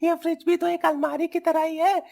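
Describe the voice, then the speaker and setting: A woman's voice: little pitch movement, brisk, gravelly, mellow. A woman voicing a young, eager village boy in a cartoon story, speaking in a whiny, childish way. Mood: cheerful. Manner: whining, high-pitched childish voice.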